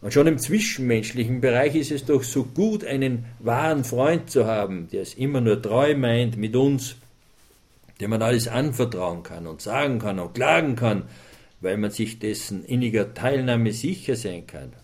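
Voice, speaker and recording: A man's voice: medium pitch, animated, moderate pace, a little mellow. A male preacher delivering a sermon in a mid-range voice. He speaks with fervor and lifts his voice to stress the scripture he quotes. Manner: fervent, rising for emphasis on scripture quotes.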